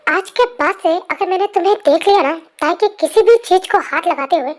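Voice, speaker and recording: A woman voicing a possessive, quick-tempered young husband in a fan story narration, talking bossily. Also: extremely high pitch, slight background noise. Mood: scolding, angry. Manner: bossy, scolding, then doting. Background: faint music.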